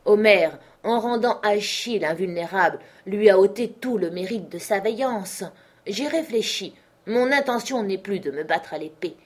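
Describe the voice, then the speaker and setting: A woman plays a proud, witty young country doctor in a spoken storybook. He answers everyone with ironic flair and stubborn defiance. The voice is slightly husky at a mid pitch. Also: moderate pace, close to an everyday voice.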